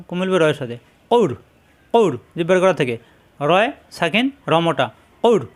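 High-voiced man drilling letter sounds. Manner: repeats syllables slowly, corrects pronunciation. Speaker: Quran reading teacher. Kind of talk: slow drilled lesson.

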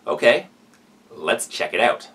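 A man's voice: fairly low pitch, very animated, slow pace, a bit bright, distant mic. A man hosting a reaction video, giving sarcastic, explanatory commentary.

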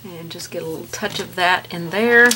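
A woman walks viewers through a painting lesson in an easygoing, chatty manner, often pausing on fillers as she works. Her voice sits on the lower side. A faint hiss runs under the recording. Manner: relaxed, chatty, with many fillers. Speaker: painting instructor. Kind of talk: paint-along tutorial.

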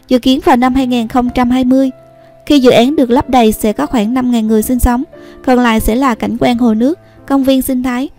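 Woman doing a news voiceover, a bit high and mellow, reads it all steady. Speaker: news narrator. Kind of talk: scripted news narration. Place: voice-over recorded apart from the pictured places.

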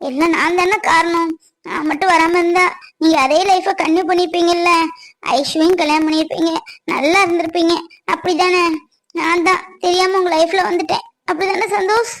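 Woman playing an anxious young runaway wife, super high voice, soft and pleading. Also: fairly even intonation, a little fast, rough recording. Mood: self-blaming. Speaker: actor. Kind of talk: family comedy-drama acting.

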